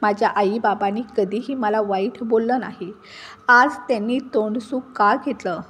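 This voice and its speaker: A woman voicing a cruel young husband who shouts at his wife with contempt, in a told story. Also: medium pitch, normal speed, breathy edge. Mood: furious.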